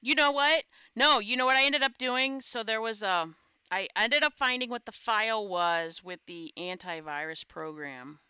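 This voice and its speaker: A woman hosting a live stream, telling a funny story in a casual, animated way and laughing along. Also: fairly high pitch, normal speed, clean tone, no room sound, highs cut off. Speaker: stream host.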